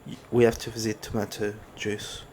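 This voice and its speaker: A man with a fairly low voice who rambles and reminisces while commentating on a game. He often speaks softly. Clear noise sits under his recording. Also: completely flat delivery, normal speed. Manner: rambling, reminiscing, soft-spoken. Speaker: let's play commentator.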